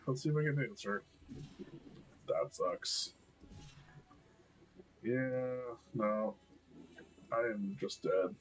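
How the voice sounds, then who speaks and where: A man with a deep, low voice giving casual gameplay commentary, talking quietly and mumbling as he thinks aloud. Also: slightly rough, low-quality recording.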